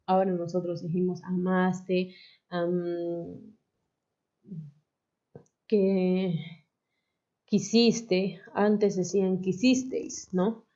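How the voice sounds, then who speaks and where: Low-ish and dark, this woman's voice stays level as she draws out her words and leaves long pauses. A patient teacher, she explains a lesson and regularly checks in with the class using the tag "¿no?". The recording quality is dull and lo-fi.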